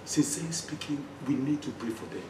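An actor playing a concerned church pastor, earnest and prayerful. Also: male voice, mid-range voice, fast talker, noisy background, natural voice. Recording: echoey room, mic far off.

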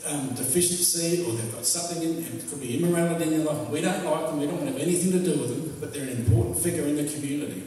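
A male pastor retelling a story in a vivid sermon, his voice sitting a little high. The sound rings through a big church hall with a long reverb, picked up from a distance with a faint hiss underneath. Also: warm tone. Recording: echoey hall, distant mic.

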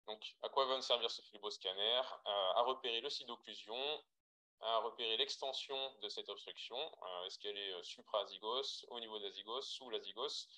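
A French-accented radiologist gives a webinar slide lecture to trainees, picked up by a computer mic. He speaks at a moderate pace in a lowish, sharp-toned voice, hesitant with frequent fillers and restarts. The recording quality is low.

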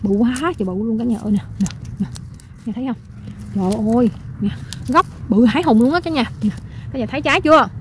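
A plant seller with a high, bright-pitched voice films her garden nursery on a phone in a casual selling vlog, talking fast and nonstop to her viewers with occasional long pauses. Excitable, she exclaims and gushes over every plant she sells and constantly addresses her audience. Faint outdoor noise can be heard behind her.

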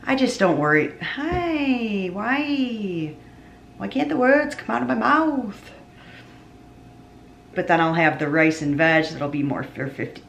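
Woman, 30s, home-kitchen cooking vlogger, relaxed slow delivery, lots of restarts. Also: medium pitch, gravelly, a little hiss or hum. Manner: chatty, self-interrupting, laughs at her own slips. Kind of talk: casual meal prep vlog. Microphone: camera mic at arm's length and on the counter.

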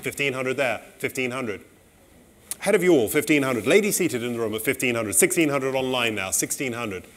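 A middle-aged man working as an auctioneer, calling bids in a saleroom in a brisk, polite, repetitive way. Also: mid-range voice, animated, a bit bright.

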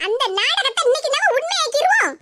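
A woman voicing a squeaky scheming cartoon neighbor. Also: sing-song, fast talker, sharp tone, dry recording, full character voice. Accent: Tirunelveli Tamil. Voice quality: high and squeaky. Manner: coaxing, sugary, then plotting. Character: scheming sweet-talking woman neighbor, meddling. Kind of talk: cartoon voice acting.

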